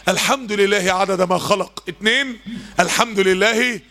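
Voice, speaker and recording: A man with an Egyptian accent preaching a mosque lesson, animated and emphatic, firing rhetorical questions and repeating words for stress. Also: high-pitched, moderate pace.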